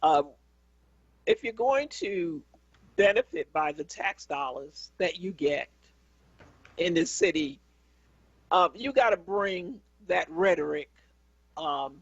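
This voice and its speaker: A woman hosting a radio talk show, giving deliberate commentary with frequent pauses. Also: lowish voice, no room sound. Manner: deliberate, gravelly, pausing with ums. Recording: dry, slightly dull studio mic.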